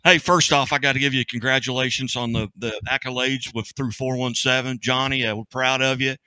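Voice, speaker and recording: A man's voice: medium pitch, fairly even intonation, a little fast, sharp tone, clean tone, dry recording, low-quality recording. A man co-hosting a casual sports talk show, enthusiastic and rambling with frequent restarts. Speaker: co-host. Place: cafe studio.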